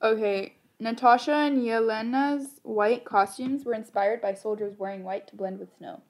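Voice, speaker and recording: A woman's voice: fairly high pitch, normal speed, darkish tone. Curious young woman in casual chat. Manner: curious, questioning. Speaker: podcast co-host.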